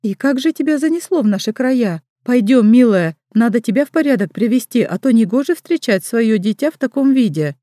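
A woman's voice: a little high, animated, brisk, hardly any pauses, dark tone, no room sound, studio quality, pitched above the performer's own voice, lightly acted. A woman voicing an older village midwife, kind and fussy, with doting folksy exclamations. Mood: fussing.

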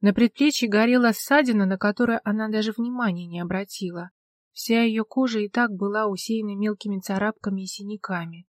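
A woman reading a story aloud in measured, scripted narration. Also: medium pitch, no room sound, studio quality. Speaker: audiobook narrator.

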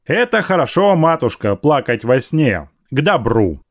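A fussy, bossy man of the household from an audiobook, played by the male reader. He hurries and scolds in a raised, lively voice. The sound is dry and close. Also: medium pitch, measured pace, no room sound, pitched above the performer's own voice. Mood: reassuring. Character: fussy middle-aged male family friend, bossy.

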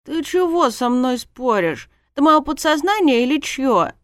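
A tipsy young princess bride, voiced by a woman reader, teasing in a high, sing-song voice that climbs well above the narration. She is cheeky and stubborn, her words giggly and lilting. The audiobook sound is dry and close. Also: very animated, a little slow, dry recording. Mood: sulky. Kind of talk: audiobook character voice.

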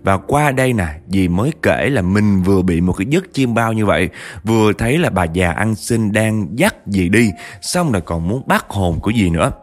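Guy telling a ghost story, low voice, super animated, soft music behind. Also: normal speed. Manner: lively, addresses listeners directly.

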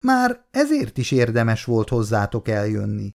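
A man's voice: mid-range voice, vocal fry. Man doing a bubbly young woman. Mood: eager. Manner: excitable, bubbly. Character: eager, cheerful young woman student.

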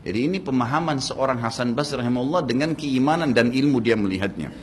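Man, Indonesian accent, earnest sermon, mid-pitched, swings pitch for emphasis, faint background hum. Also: fast, long reverb tail. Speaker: Islamic preacher.

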